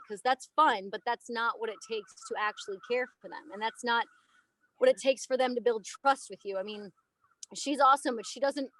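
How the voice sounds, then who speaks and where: Speaking in a fairly high pitch over a rough recording, an American elephant trainer and aerialist in her thirties gives a podcast interview. Her storytelling is casual, animated and emphatic.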